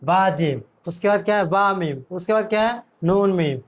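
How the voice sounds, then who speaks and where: This rough recording captures an animated man with a high voice leading a Quran reading lesson letter by letter. He quizzes himself and supplies the answers, dragging out the letter names very slowly.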